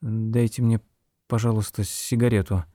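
A man voicing a curious, quick-witted young woman in an audiobook, speaking in an eager, questioning way. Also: fairly low pitch, level tone, dark tone, no echo, clean studio sound, close to an everyday voice.

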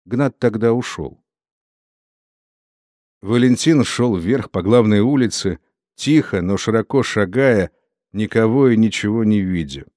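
A man's voice: on the low side, measured pace, pauses often, dry recording. Male audiobook narrator, dry close sound. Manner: steady, solemn storytelling. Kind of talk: scripted literary narration.

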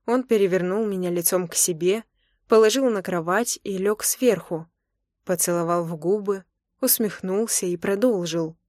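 A young woman telling a romance audiobook in the first person, with expressive, intimate narration. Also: mid-range voice, moderate pace, dry recording, studio quality.

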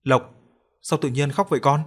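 A man voicing a gentle, worried young father in a spoken audio story. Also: medium pitch, moderate pace, lightly acted.

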